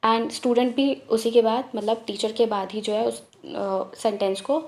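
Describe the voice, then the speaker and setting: A woman with a fairly high voice and a mellow, rounded tone teaches a lesson. She explains each point step by step with many fillers, and she reads the English headings slowly and deliberately. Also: steady tone. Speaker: teacher-training tutor.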